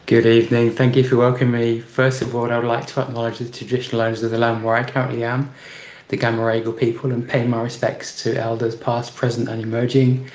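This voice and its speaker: A man in his forties from the United Kingdom, speaking as a panel guest in a measured, earnest and formal way. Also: medium pitch, completely flat delivery, darkish tone, echoey room, highs cut off. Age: 40s.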